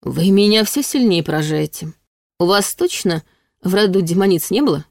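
A smug, lewd male demon from a storybook who drawls his mockery in a mock-sweet tone, as a woman reads him in her own lowish voice. The sound is close and dry. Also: lively intonation, moderate pace, no echo.

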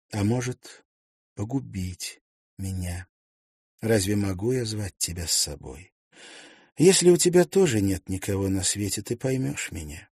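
A man voicing a lonely young gentlewoman who speaks gently but decisively, in an audiobook. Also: mid-range voice, breathy edge, no room sound, studio quality, voice pushed up. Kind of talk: audiobook character voice.

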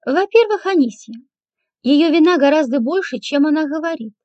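A woman narrating a first-person audiobook in a dry, measured manner. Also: sits high, lively intonation, a little mellow, no echo. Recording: dull lo-fi, dry.

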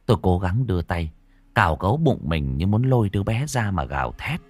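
A man narrating a horror story in a dramatic, expressive way. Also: sits low, fairly quick.

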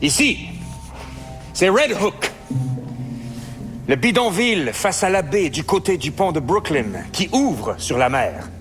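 An actor playing a reflective, wry immigrant lawyer who narrates a stage play in a measured, musing tone. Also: male voice, high-pitched, sing-song, fairly bright tone, soft background music, full character voice. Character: reflective middle-aged Italian-born immigrant lawyer, wry. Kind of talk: theatrical stage monologue.

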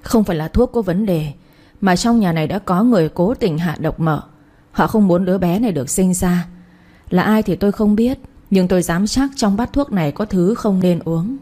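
A woman voicing an elderly male village herbal doctor who speaks calmly and gravely. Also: lowish voice, normal speed, close to an everyday voice.

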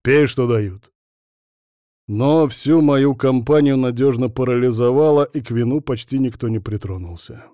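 A man narrating a first-person audiobook in a gruff, curt manner. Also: mid-range voice, normal speed, hardly any pauses, dark tone, no room sound, clean studio sound.

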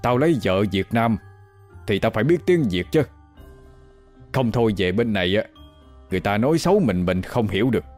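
A man's voice: on the low side, lively intonation, a little fast, long pauses, darkish tone, soft background music, lightly acted. A man doing a playful foreign stranger. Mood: teasing. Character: friendly foreign man, playful, odd accent.

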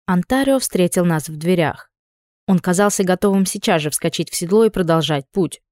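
A woman narrating a first-person fantasy audiobook in a lively, expressive reading. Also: fairly low pitch, normal speed, no room sound, studio quality.

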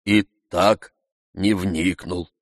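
Brief: man playing an old servant, low, humble and grumbling, dry recording. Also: measured pace, dry recording. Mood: pleading. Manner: humble, muttering pleas. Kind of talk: audiobook reading.

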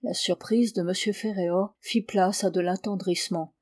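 A woman reading a classic novel aloud in measured, even narration. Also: medium pitch. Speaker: reader.

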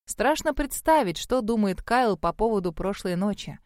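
A woman's voice: medium pitch, lively intonation, normal speed, a little mellow, no echo, studio quality. A woman narrating a first-person audiobook in a wry, sardonic way.

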